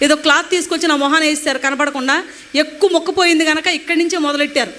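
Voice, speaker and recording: Woman, testimony speaker, high bright voice, emotional animated delivery. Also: rapid-fire. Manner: emotional, animated retelling with acted quotes. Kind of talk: personal testimony storytelling.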